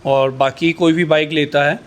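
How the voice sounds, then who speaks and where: A man pitching used superbikes in a casual, boastful way, rattling off price countdowns. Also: fairly even intonation, normal speed, a little hiss or hum.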